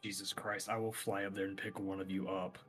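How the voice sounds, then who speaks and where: Man, tabletop player, blunt, impatient, slightly low voice. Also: flat delivery, brisk, a bit bright, faint music behind. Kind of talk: casual tabletop chat.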